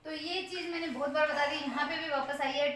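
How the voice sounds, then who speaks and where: A woman teaching English pronunciation in Hindi, repeating each word slowly as a drill. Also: high voice, steady tone, a bit bright, slight background noise. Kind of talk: Hindi-language pronunciation lesson. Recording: echoey room from a distance.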